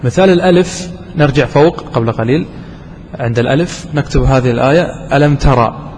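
A man teaching a grammar lesson to students, asking them questions and repeating examples slowly and deliberately. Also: medium pitch, a little mellow. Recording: roomy hall, faint background noise.

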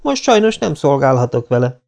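A man voicing a fashionable young shop girl, brisk and sugary in manner. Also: mid-range voice, big pitch swings, vocal fry, a little mellow, voice pushed up. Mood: perky, polite.

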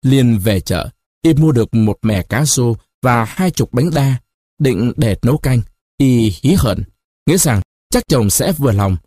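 A man narrating a novel as an audiobook, in an expressive storytelling manner. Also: medium pitch, measured pace, no echo.

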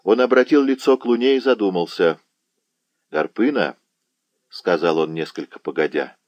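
A man narrating a historical novel as an audiobook, with dramatic, measured delivery. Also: low-pitched, expressive, darkish tone, no echo. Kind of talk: expressive literary narration.

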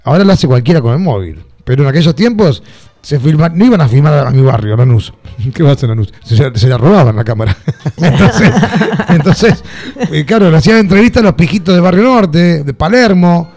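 A man's voice: a little high, fairly quick, faint music behind. A man from Argentina with a Buenos Aires accent, hosting casual radio chat, joking and laughing often. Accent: Rioplatense Spanish (Buenos Aires area). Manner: joking, animated, laughs often, mimics voices. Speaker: radio host.

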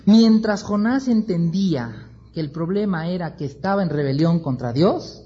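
Man, Bible class teacher, animated storytelling, rhetorical questions, mellow dark tone, dull lo-fi sound. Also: sits high, normal speed, breathy edge.

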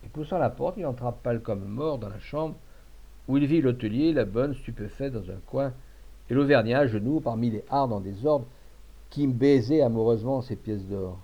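A man reading a classic tale aloud, measured and expressive, on a dull lo-fi recording. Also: mid-range voice. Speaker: narrator.

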